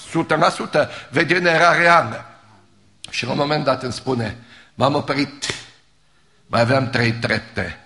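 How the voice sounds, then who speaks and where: Male preacher, 50s, fiery storyteller, gravelly edge, sermon in a big echoing hall. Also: sharp tone. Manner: fervent storytelling preacher, rising to high emotional peaks and dropping low. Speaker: pastor. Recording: reverberant hall.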